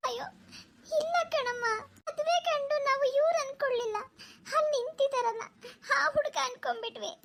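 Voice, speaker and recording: A woman voicing a blunt, outspoken young woman in a cartoon, sharp-tongued and defiant. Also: very high voice, moderate pace, voice pushed up. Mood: puzzled. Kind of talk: cartoon voice acting.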